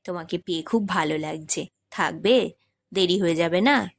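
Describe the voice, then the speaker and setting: A woman voicing a restless married man in an audiobook, speaking his lines lower. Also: steady tone, moderate pace, no echo. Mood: gentle. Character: married man narrator, Lalatuda, wistful and restless.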